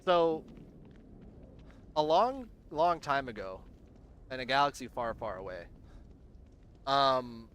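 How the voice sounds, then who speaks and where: A man's voice: mid-range voice, big pitch swings, slow pace, pauses often, a bit bright, a little hiss or hum. A young man from Southern Virginia with a loose mix of American accents, chatting casually on a gaming livestream and answering his chat. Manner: rambling, answers chat, trails off. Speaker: gaming streamer. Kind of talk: casual live-stream chat.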